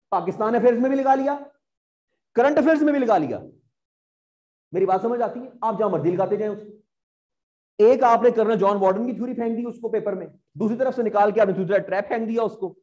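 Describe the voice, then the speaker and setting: A man's voice: sits high, warm tone, muffled recording. A man with a Pakistani Urdu accent lecturing exam students as a teacher, asking rhetorical questions and often checking whether they follow.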